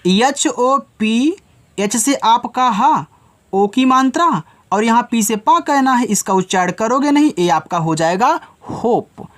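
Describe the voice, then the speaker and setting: Guy teaching english spelling, slow letter by letter, voice dropping low at line ends. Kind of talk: casual classroom lesson.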